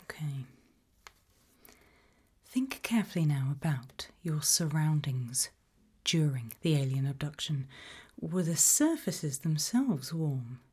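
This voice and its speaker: This is a low-pitched, animated British woman in an ASMR interview roleplay, asking calm, measured questions in a breathy whisper.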